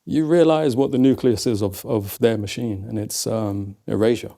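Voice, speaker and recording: A man's voice: lowish voice, normal speed, creaky, warm tone. A man from Leicester with an English accent, reflectively telling stories in a casual conversation. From England. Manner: reflective, storytelling, says "man" often. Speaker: guest.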